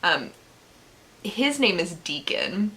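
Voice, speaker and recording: A book reviewer vlogs casually, recounting a book's plot in a fairly low, forceful, bright voice that is very animated yet slow. She's giggly, laughing through her sentences and tossing in sarcastic asides.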